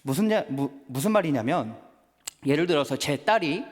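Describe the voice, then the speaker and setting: A man pastor preaching a sermon at a church service, animated and acting out family conversations. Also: a little high, normal speed. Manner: animated, acts out family dialogues. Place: church sanctuary. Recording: reverberant church hall.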